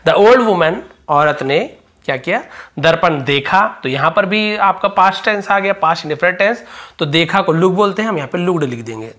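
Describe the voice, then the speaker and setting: A man teaching English grammar in Hindi, explaining step by step, asking and answering his own questions and slowing right down to dictate English phrases. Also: sits high, lively intonation, pushed and bright. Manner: drawn-out slow dictation when writing English phrases.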